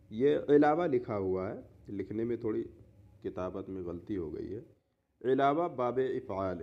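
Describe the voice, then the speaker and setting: A man's voice: medium pitch, darkish tone, lo-fi sound. A man teaching Quran recitation rules, asking himself questions and answering them, repeating key terms. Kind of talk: classroom-style lesson explaining tajweed rules.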